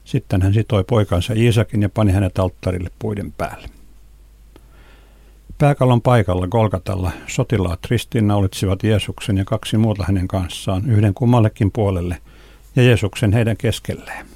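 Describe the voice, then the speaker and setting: A man giving a calm, measured devotional reading of scripture and teaching on it. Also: fairly low pitch, vocal fry, no room sound. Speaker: Bible teacher.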